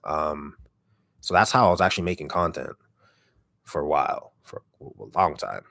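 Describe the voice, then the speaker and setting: A man with a deep, raspy voice chatting casually on a livestream, relaxed and rambling, speaking very close to the microphone. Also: normal speed, no echo. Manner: relaxed, rambling, heavy use of "like". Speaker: ASMR content creator on a livestream. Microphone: microphone held very close.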